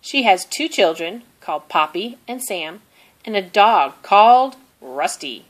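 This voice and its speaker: With a medium-pitched voice, a woman narrates a kids' picture book in an unhurried, straightforward way. The characters' lines come out expressive.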